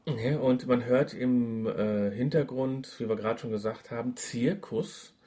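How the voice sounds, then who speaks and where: A man's voice: medium pitch, a little slow, mellow. A man co-hosting a casual podcast chat, talking with frequent fillers and restarts. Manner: chatty, hesitant with fillers and restarts. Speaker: podcast co-host. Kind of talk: casual chat reviewing a radio play.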